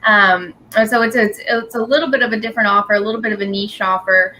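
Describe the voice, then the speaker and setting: A woman's voice: medium pitch, fairly even intonation, fast talker, pushed and bright, low-quality recording. A woman talking casually and explaining things as a company representative at a tasting. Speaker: distillery representative. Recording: clear background noise.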